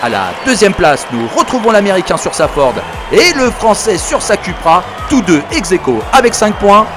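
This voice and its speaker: A man hosting and commentating on races like a motorsport commentator, excited and dramatic. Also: high-pitched, moderate pace. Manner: excited, dramatic race calling. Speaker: race host and motorsport commentator. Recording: loud music and crowd noise behind. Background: music, crowd.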